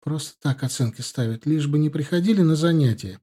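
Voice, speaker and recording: A woman's voice: low voice, a little fast, warm tone, husky. A man reading an audiobook, voicing an anxious young female student who pleads her case. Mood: pleading. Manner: pleading, insistent.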